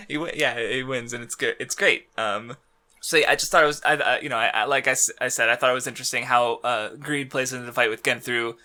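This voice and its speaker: A man's voice: mid-range voice, lively intonation, moderate pace, bright, forceful tone. A man co-hosting a podcast in casual chat, rambling through fillers and restarts and laughing often. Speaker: podcast co-host.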